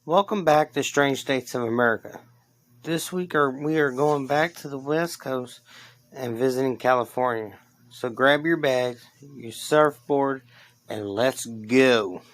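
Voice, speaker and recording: Male podcast host, mid-pitched, unhurried and halting, reading a script with casual asides. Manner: halting, stumbles over words and corrects himself.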